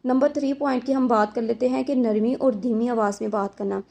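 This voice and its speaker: A woman talks straight to her viewers, giving relationship advice. Her voice is fairly high with a gravelly edge. She explains with examples and asks rhetorical questions. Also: fairly even intonation, warm tone. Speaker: advice channel host.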